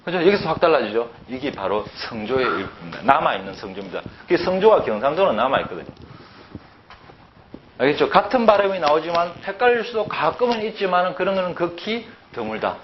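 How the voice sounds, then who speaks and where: A middle-aged man with a Gyeongsang Korean accent teaching a class, lively and full of rhetorical questions to his students. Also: fairly high pitch, fast. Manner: animated, peppers talk with rhetorical questions. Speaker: language teacher. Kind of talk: classroom lecture. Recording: muffled, faint hiss.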